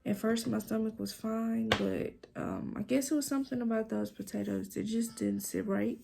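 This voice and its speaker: A woman's voice: on the high side, steady tone, moderate pace, gravelly, a little mellow. A young woman chatting informally in a casual vlog, talking straight to her viewers as the host. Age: young adult. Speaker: vlogger. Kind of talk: casual vlog chat to camera.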